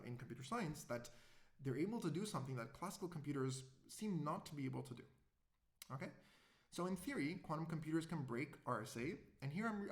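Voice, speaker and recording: A man giving a public introductory lecture in a conversational way, often asking the audience rhetorical questions. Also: fairly high pitch.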